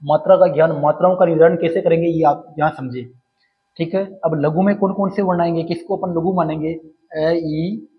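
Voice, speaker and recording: A man's voice: fairly high pitch, fairly even intonation, a little fast, muffled recording, slight background noise. A man giving a lecture to students, asking questions and answering them himself, repeating key terms again and again. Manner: repetitive, addresses students as friends, asks and answers own questions. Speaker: teacher. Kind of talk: classroom lecture.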